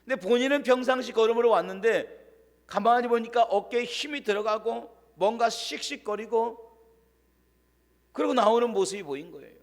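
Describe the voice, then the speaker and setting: A male pastor preaching a sermon, telling a story dramatically and dropping to a hushed voice for quoted lines. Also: very high-pitched, normal speed. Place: church sanctuary. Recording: long church-hall reverb.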